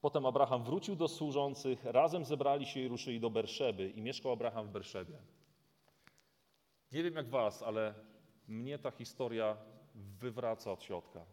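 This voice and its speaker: A man's voice: mid-range voice, moderate pace, darkish tone. A man preaching a sermon, retelling a scripture story in a dramatic storytelling way. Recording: long reverb of a large hall.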